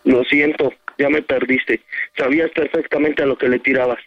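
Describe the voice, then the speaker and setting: Angry, foul-mouthed Mexican man, gravelly on the phone. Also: mid-range voice, fairly even intonation, moderate pace, no room sound. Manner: angry, curt, threatening to leave. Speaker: prank call victim on a radio show. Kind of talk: heated phone argument. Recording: phone call on radio.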